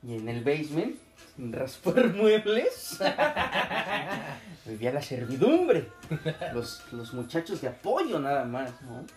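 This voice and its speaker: A man's voice: mid-range voice, wildly swooping pitch, takes it slowly, long pauses. A young man with a Mexican accent, co-hosting a podcast, telling a story in casual, joking, profane chat. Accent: Mexican Spanish. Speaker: podcast co-host. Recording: echoey room with faint music.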